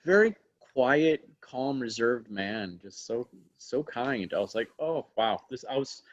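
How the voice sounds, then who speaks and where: Lively, animated man in casual chat. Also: mid-range voice, unhurried, highs cut off. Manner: animated storyteller, laughs often. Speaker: guest actor.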